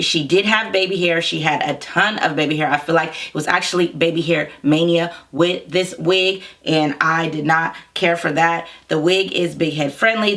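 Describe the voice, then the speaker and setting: A woman with a hoarse, froggy voice, getting over being sick, chatting informally to viewers in a casual product review. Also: low-pitched, a bit bright. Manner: chatty, informal, direct address. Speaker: wig reviewer, hair care company founder.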